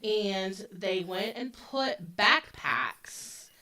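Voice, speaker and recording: Extremely slow yet pushed and bright, the medium-pitched voice belongs to a woman in her forties co-hosting a relaxed true-crime chat. She talks loosely with lots of fillers, and she sounds somewhat distant from the mic.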